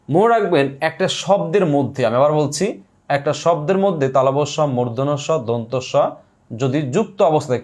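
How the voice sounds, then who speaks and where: A man teaches grammar in an online exam-prep lesson, repeating the key points and keeping his listeners engaged with quick check questions. His voice is a little high.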